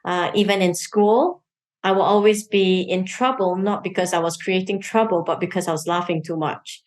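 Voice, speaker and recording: A woman's voice: on the low side, normal speed, poor audio. A cheerful, giggly middle-aged woman from Singapore, chatting as a guest in an interview. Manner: cheerful, giggly, laughs easily. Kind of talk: casual interview chat.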